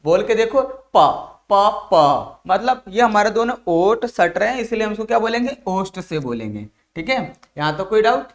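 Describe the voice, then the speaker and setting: High-voiced Hindi grammar teacher drilling students. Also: male voice, expressive, brisk, hardly any pauses. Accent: Bihari Hindi. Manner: drills students with repeated questions and answers; addresses viewers as dear children. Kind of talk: exam-prep lesson.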